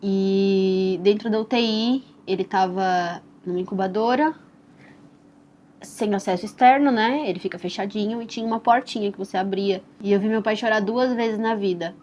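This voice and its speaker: A young woman with a Brazilian accent speaks softly and reflectively, sharing a personal story as a mother. Her voice sits at an ordinary middle pitch. The recording is a little dull, with a faint hiss behind her. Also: moderate pace. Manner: soft, tender and reflective, with frequent "né?" and "assim". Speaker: mother telling her own birth story.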